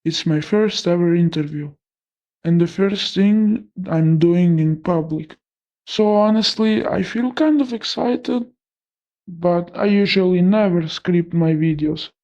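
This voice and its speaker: A man from Italy talking through a pitch-shifting voice changer, shyly reading a prepared interview answer. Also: takes it slowly, a little mellow, lo-fi sound. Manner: shy, reading a prepared script.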